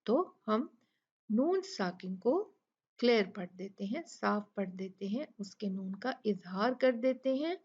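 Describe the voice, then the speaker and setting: A woman teaching a recitation lesson, asking questions and answering them herself, and slowly sounding out example words. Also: medium pitch, lively intonation, a little mellow, husky. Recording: dull lo-fi recording.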